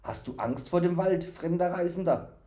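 A man's voice: high-pitched, normal speed, mellow, roomy sound, pitched above the performer's own voice, natural voice. A man voicing a simple-minded, childlike male fool from the forest, eager and full of repeated questions. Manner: eager, questioning, singsong repetitions.

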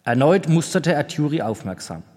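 A man's voice: fairly high pitch, very animated, moderate pace, a little mellow. Man narrating a storybook, long reverb. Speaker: audiobook narrator. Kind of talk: scripted narration.

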